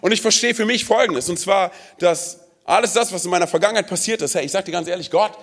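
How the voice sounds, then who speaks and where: A man's voice: high-pitched, fast talker, vocal fry, fairly bright tone. A man from Romania preaching to a congregation, emphatic and direct, peppering his sermon with "hey" and asking the listeners questions. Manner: speaks straight to the congregation with questions. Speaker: pastor.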